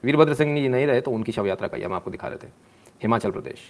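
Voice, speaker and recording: A man's voice: mid-range voice, rapid-fire. A man, giving sarcastic live news commentary, mocking and scolding the people in the clips and answering viewer comments.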